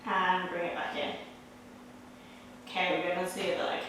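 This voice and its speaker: A young woman leading a Pilates workout, giving steady, encouraging step-by-step cues. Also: on the low side, normal speed, distant mic, slight background noise. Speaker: Pilates instructor. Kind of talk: guided exercise instruction. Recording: echoey room, voice picked up from afar.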